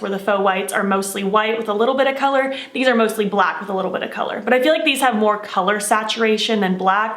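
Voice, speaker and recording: A woman speaks in a fairly high voice with noticeable room echo. Her style is casual beauty-vlog chat. She is opinionated and stresses her points emphatically, often by repeating them. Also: fairly bright tone. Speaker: beauty vlogger reviewing past makeup purchases.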